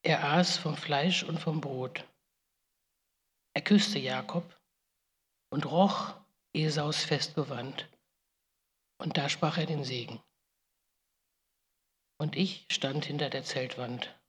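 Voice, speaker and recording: A woman's voice: low voice, slow pace, long pauses, in a large hall. Rebekka, a woman playing a grieving biblical mother. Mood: solemn lament. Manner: solemn, grave, with sudden pleading outbursts. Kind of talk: dramatic first-person monologue.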